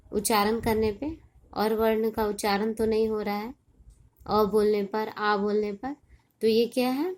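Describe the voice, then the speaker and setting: A patient woman teacher from India speaks in a fairly high voice. She explains each point very slowly and deliberately, repeating herself and checking again and again that her young pupils follow. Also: darkish tone. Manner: slow, deliberate explaining with frequent checks for understanding. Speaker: primary school teacher. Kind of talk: recorded online class lesson.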